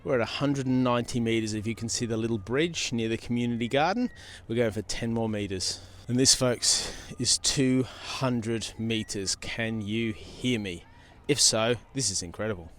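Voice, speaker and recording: Speaking at normal speed in a mid-range voice, a product reviewer chats informally to camera and repeats himself. The recording, made with a handheld wireless interview mic, carries a little hiss or hum.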